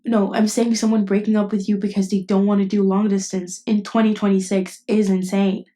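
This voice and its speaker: A voice actress plays a protective best friend in an intimate ASMR roleplay, comforting someone while sounding caring and indignant, casual and blunt. Her mid-range voice is warm and brisk with little pitch movement, and the acting stays light.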